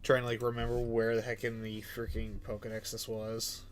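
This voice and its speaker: A young man with a congested, stuffed-up nose chats casually while streaming a game, rambling and leaning heavily on filler. His voice is on the low side and completely flat, at normal speed, with soft music in the background.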